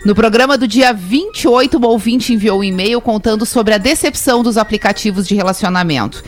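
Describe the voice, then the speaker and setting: A woman co-hosting a radio talk show, chatting casually and reading a listener's email aloud in a clear, measured way. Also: mid-range voice, soft background music.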